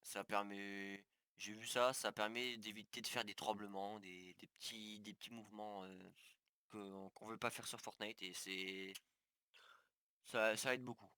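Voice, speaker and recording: A man's voice: on the low side, fairly even intonation, measured pace, bright, forceful tone, smooth, dry recording, studio quality. A man giving a casual game tutorial, walking viewers through settings step by step with many fillers and restarts. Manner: talks viewers through steps on screen. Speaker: gaming tutorial youtuber. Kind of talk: casual screen-recorded tutorial.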